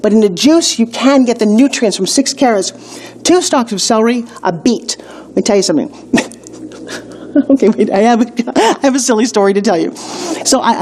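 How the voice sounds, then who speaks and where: A middle-aged woman teaching a casual video lesson, chatty and playful, with quick asides and bursts of enthusiasm. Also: medium pitch, darkish tone, slight background noise. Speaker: wellness instructor.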